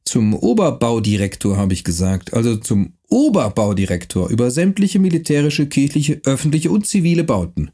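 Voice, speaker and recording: A man voicing a sly male prince-bishop who teases and pauses for effect, with a husky voice. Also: mid-range voice, very animated, mellow. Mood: teasing. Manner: teasing, pausing for effect.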